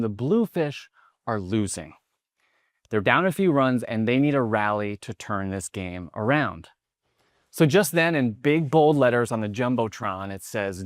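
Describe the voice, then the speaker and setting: A man in his thirties from the New York area gives a motivational keynote with an energetic storytelling drive. His voice sits at a medium pitch and climbs high and loud when he gets excited. The sound is dry and close, with little room echo. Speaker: keynote speaker. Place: large conference hall.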